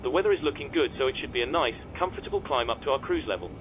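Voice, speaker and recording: A brisk captain over the cabin intercom. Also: male voice, medium pitch, expressive, lo-fi sound, slight background noise. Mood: reassuring. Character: calm male airline captain addressing passengers. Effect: cabin intercom announcement. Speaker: airline captain. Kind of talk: scripted passenger announcement.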